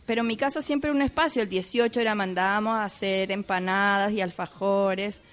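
Chilean woman guest, mid-pitched, chatty and easygoing, lots of fillers. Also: fairly quick. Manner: chatty, filler-heavy, laughs easily. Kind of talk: casual interview chat.

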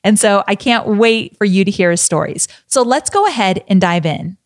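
A woman hosting an interview podcast speaks with eager, upbeat enthusiasm. Her voice sits at a middle pitch. The sound is close and dry, with no room echo. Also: animated, normal speed. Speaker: podcast host. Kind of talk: scripted podcast intro and interview.

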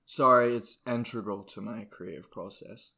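A man's voice: fairly low pitch, moderate pace, vocal fry, bright, forceful tone, slightly rough, voice pushed down, full character voice. A man playing a brash, irritable, eccentric ad agency boss in a comedy script, volatile and blustering. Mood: deadpan boasting. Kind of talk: comedy script read aloud.

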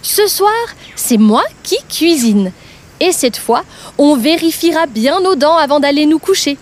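A woman's voice: sits high, expressive, measured pace. A woman voicing a fearful male crocodile with a toothache, in a whiny, wincing voice for a children's storybook. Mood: delighted.

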